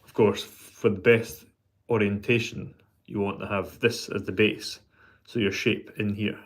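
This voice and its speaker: A man chatting casually as a pipe maker on his vlog, thinking aloud in a halting way and repeating words. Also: on the low side, flat delivery. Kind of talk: casual, rambling hobby vlog chat.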